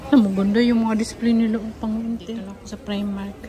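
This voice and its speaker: A woman from the Philippines films a casual shopping vlog, offering chatty running commentary as she browses shops and a street market and calls her companion "Day." Her slightly high voice is level and fast, and the rough recording picks up crowd chatter around her.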